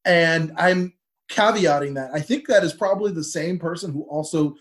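A man's voice: a little high, normal speed, fairly bright tone. A man co-hosting a podcast in casual comedic banter, opinionated and teasing. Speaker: podcast co-host.

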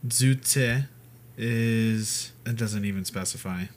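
A man's voice: on the low side, takes it slowly, slight background noise. A young man co-hosting a casual podcast, joking around and reading facts aloud in a laid-back way. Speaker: podcast co-host. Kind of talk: casual chat.

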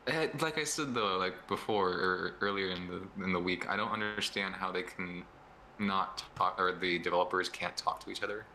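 Deep gravelly podcast guy, bright edge, hesitant dry talk. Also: moderate pace, a little hiss or hum, poor audio. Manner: hesitant, many fillers, dry humor. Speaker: podcast co-host. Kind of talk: casual chat.

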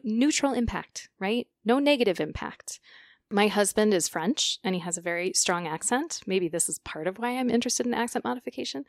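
A woman's voice: mid-range voice, no room sound, studio quality. A woman speech-language pathologist speaking as a guest in a podcast interview, emphatic and passionate, often restarting her sentences.

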